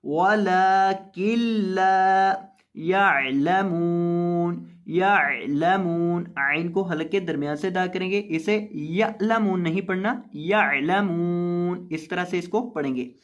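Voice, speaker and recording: A man teaching recitation word by word, explaining quickly and then drawing out each word slowly, closing with a melodic chanted recitation. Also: high voice, a bit bright. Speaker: Quran teacher.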